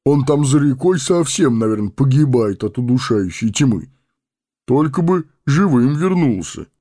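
A man's voice: mid-range voice, big pitch swings, unhurried, warm tone, pitched above the performer's own voice. A man voicing an earnest, loyal male fortress guard who speaks urgently. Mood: worried.

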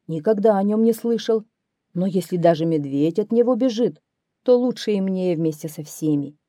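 A woman's voice: mid-range voice, expressive, moderate pace, mellow, no room sound, studio quality, natural voice. A woman voicing a cautious male snow leopard in a storybook reading, speaking in an earnest, questioning way. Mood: anxious.

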